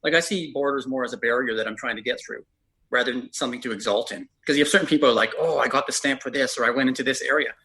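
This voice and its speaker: A middle-aged man from Canada answers questions in a rambling way, pausing and starting over. He talks quickly, and his voice sounds bright and forward. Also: medium pitch, rough recording. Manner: rambling, with hesitations. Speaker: podcast guest, traveler. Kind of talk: casual interview answers.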